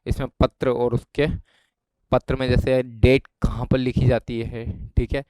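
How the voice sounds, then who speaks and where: A man's voice: mid-range voice, level tone, unhurried, a little mellow, no room sound. A man with a Rajasthani Hindi accent explaining an exam syllabus in a chatty lesson, often checking that his students follow. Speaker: exam prep teacher.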